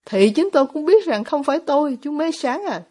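A woman voicing an intense, tormented young man with sharp outbursts and stammered questions, read as an audiobook. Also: high voice, big pitch swings, brisk, voice pushed up. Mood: agitated. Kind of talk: audiobook reading of dialogue.

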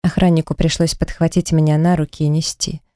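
A woman narrating a first-person audiobook novel with dramatic, emotional reading. Her voice is mellow and smooth, recorded close and dry. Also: low-pitched, level tone, fairly quick, dry recording.

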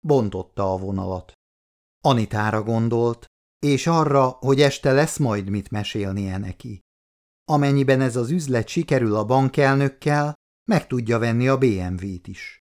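Gravelly guy reading an audiobook, steady, matter-of-fact. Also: medium pitch. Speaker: audiobook narrator. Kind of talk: audiobook narration.

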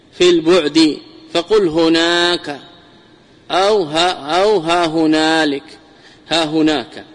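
A man's voice: a little high, in a large hall. A man giving a classical grammar lesson, repeating key words and drawing them out for emphasis. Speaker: teacher of Arabic grammar.

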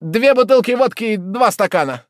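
A man reading aloud, voicing a drunk, desperate man who shouts his challenges in a raised, strained voice. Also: high-pitched, animated, moderate pace, dry recording, studio quality, pitched above the performer's own voice. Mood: angry defiant. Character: drunk, desperate man turning reckless and defiant.

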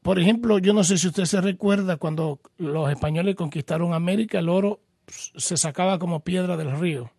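Male pastor-host, patient teacher type, high-ish husky gravelly voice, dry close sound. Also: normal speed, a little mellow, no echo. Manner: patient, explanatory, teaches with homely examples; addresses the caller formally as brother. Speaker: pastor hosting a call-in program. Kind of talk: radio call-in Bible questions and answers.

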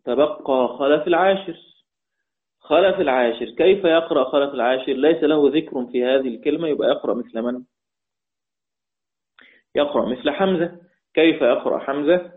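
Egyptian male Quran teacher, fairly high voice, methodical and repetitive, phone-line quality audio. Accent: Egyptian Arabic. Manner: repeats points slowly for note-taking, chants verses drawn out. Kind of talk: lecture on Quranic readings.

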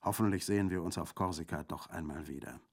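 A man's voice: deep voice, fast talker, vocal fry, a little mellow, breathy edge, full character voice. A man voicing a hot-tempered older male Corsican bandit in a radio reading, blunt and emphatic. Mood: gruff.

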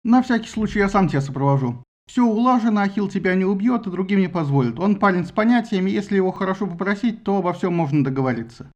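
A man voicing a glib, fast-talking messenger god who speaks flippantly. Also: high voice, animated, a little mellow, pitched above the performer's own voice. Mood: breezy. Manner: brisk, flippant, talks quickly.

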